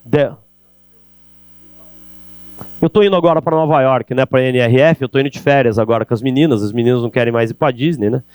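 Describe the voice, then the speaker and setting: Palestrante brasileiro animado, voz seca com zumbido. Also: male voice, mid-range voice, a little fast, pauses often, clean tone, dry recording. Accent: Brazilian Portuguese. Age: middle-aged. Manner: animated, addresses audience directly with rhetorical questions. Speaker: keynote speaker on sales. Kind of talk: energetic business lecture. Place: event hall.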